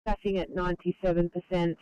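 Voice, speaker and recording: Ambulance worker on the radio giving patient report, soft dark tone, bit muffled. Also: medium pitch, flat delivery, fast, clean tone, no room sound. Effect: two-way radio. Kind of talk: emergency medical radio report. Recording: dry, muffled radio audio.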